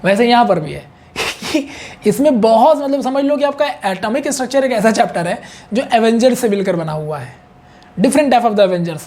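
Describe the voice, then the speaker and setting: A man's voice: very high voice, lively intonation, normal speed, a little mellow. A male chemistry teacher giving a casual online exam-prep lecture, chatty, repeating key points and checking in often with his students.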